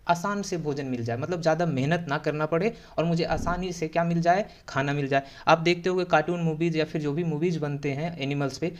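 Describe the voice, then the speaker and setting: Man teaching English slowly in Hindi. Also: a little high. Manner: slow, drawn-out reading of English phrases, then quick Hindi explanation; repetitive, checking in with "theek hai". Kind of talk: explaining English story sentences in Hindi.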